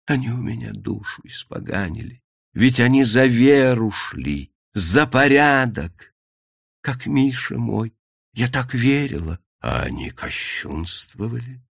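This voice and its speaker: A man reading the lines of a distraught grieving widow in an audiobook, lamenting and pleading in a voice that keeps dropping quiet. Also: mid-range voice, lively intonation, slow pace, gravelly, breathy edge, no room sound, clean studio sound, heavily acted. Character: grieving widow, middle-aged woman, distraught.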